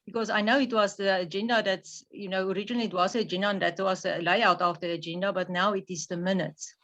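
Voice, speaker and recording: A woman's voice: mid-range voice, fairly even intonation, fast, fairly bright tone. A woman taking part in a meeting, politely and tentatively explaining her suggestions. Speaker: meeting participant. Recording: dull lo-fi online meeting audio.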